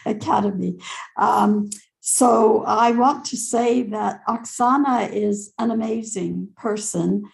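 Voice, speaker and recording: An older woman on a video call from home, chairing a panel, warm and chatty with self-deprecating asides. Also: medium pitch, creaky, rough recording. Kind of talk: moderating a conference panel.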